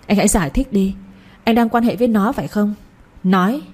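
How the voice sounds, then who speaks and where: A woman's voice: fairly quick, darkish tone, husky, natural voice. A woman voicing a jealous, quarrelsome young wife who accuses her husband in a read-aloud story. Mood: furious. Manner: shrill, accusing.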